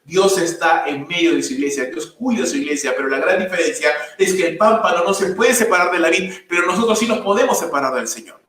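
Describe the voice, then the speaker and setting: Emphatic pastor preaching in an echoey church. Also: male voice, high-pitched, animated, quick pace, hardly any pauses, fairly bright tone. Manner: emphatic preaching with quoted exclamations and lists. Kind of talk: sermon. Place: church sanctuary. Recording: very echoey room, voice from a distance.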